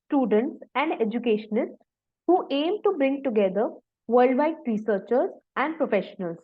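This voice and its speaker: Polite woman hosting a video call conference. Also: a little high. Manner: polite, repeats thanks and okays. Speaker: conference host. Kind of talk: formal welcome and introduction. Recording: dull, lo-fi video call audio.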